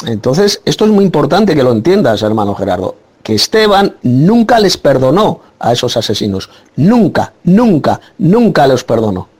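A man's voice: medium pitch, a little mellow. A man arguing a Bible passage in a preaching style, insistent and repeating his point emphatically. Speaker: Bible teacher in a debate. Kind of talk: preaching argument.

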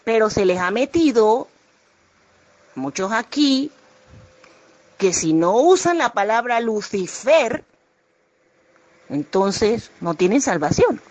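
A woman making her case in an online religious debate, speaking deliberately and with emphasis. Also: a little high, sing-song, a little mellow.

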